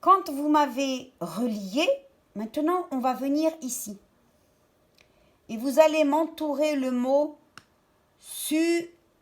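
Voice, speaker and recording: A woman teaching young children, with a fairly high voice. She talks slowly and clearly, repeating words and syllables so the pupils can follow. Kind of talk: French lesson for children.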